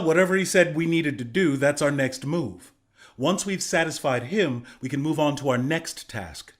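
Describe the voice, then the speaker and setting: A man voices a young griffin rebel and former soldier in video game dialogue, speaking plainly, as if laying out a plan to a comrade. His medium-pitched voice is conversational, earnest and close to an everyday voice.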